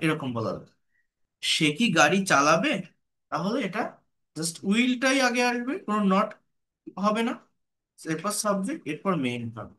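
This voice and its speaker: A man with a Bengali accent teaching English grammar, speaking slowly and patiently and repeating example sentences. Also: high voice, fairly bright tone, slight background noise. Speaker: English tutor. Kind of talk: spoken grammar lesson.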